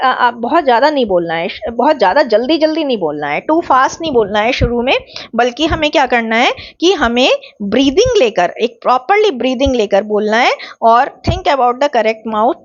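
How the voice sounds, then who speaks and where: A woman teacher giving a recorded exam-prep lecture, explaining step by step and stretching example words slowly to show stress. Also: sits high, muffled recording. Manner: explains step by step, mixing in English terms.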